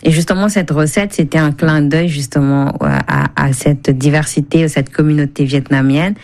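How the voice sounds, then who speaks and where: As a guest on a radio interview, a Senegalese cookbook author and food blogger explains things conversationally, rephrasing as she talks. She speaks at normal speed in a low, somewhat mellow voice with fairly even intonation.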